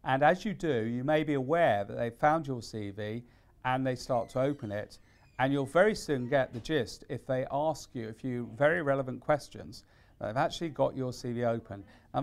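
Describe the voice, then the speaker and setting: Offering practical career advice, a male consultant speaks in a medium-pitched, expressive voice. His delivery is instructional and deliberate, with emphasis placed on key words.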